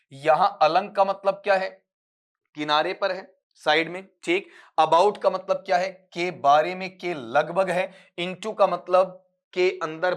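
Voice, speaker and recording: Teacher with slightly high voice. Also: male voice, a bit bright. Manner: explains step by step, asks questions and answers them; addresses students as beta. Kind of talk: exam-prep lecture.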